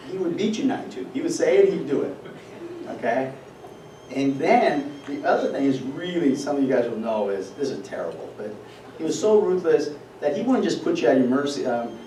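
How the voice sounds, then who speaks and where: A middle-aged man telling warm stories in a memorial speech, often repeating words and laughing as he talks. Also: mid-range voice. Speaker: eulogy speaker. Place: event hall. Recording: echoey hall from far off, noisy.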